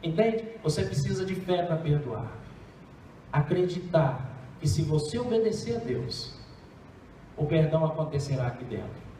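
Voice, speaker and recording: A man's voice: fairly high pitch, lively intonation, normal speed, dark tone, slight background noise. A Brazilian man preaching a sermon as pastor, emphatic, putting rhetorical questions to the congregation. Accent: Brazilian Portuguese. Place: church sanctuary. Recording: echoey church hall, distant mic.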